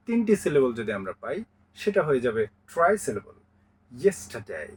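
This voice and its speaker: Give me a male teacher explaining syllables in a steady lesson voice, pitched a little high. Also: low-quality recording. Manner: counts out syllables slowly and clearly. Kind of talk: grammar lesson.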